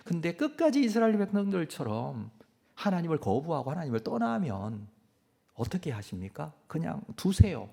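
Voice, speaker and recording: Male pastor giving a sermon, fairly high, lively pitch, gravelly and husky, poses questions then answers them. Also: normal speed.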